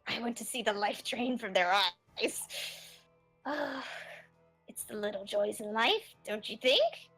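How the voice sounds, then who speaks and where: A woman's voice: a little high, lively intonation, slow pace, fairly bright tone, breathy edge, soft background music, exaggerated voice. Woman playing a gloating old cannibal witch. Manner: snapping, relishing. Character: greedy elderly witch, gleeful man-eater.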